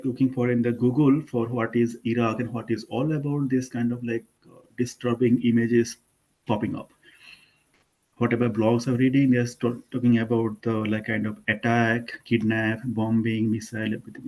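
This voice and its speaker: Casting note: young Indian-accented man, mid-pitched, talking students through slides, relaxed and halting. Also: poor audio. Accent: Indian English. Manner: informal, with frequent fillers and self-corrections. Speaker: architect giving an online lesson. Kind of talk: presentation to school students.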